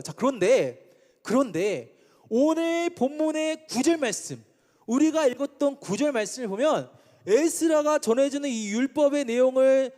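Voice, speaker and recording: A man's voice: high voice, a little mellow. A man in his thirties preaching a youth sermon, asking the students questions and answering them himself. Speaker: youth pastor. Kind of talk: sermon to teenagers. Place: church hall. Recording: reverberant church hall.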